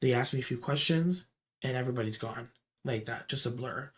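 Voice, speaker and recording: Animated rambling storyteller, mid-pitched voice. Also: fairly quick, husky. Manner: animated, swings between loud emphatic bursts and low murmurs; rambling with frequent "like" and restarts. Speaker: retail store manager telling a story. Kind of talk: storytime vlog.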